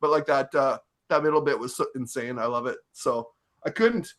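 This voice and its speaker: A man's voice: mid-range voice, normal speed, a bit bright. A man co-hosting a podcast in casual chat, rambling and easygoing with many fillers. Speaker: podcast co-host.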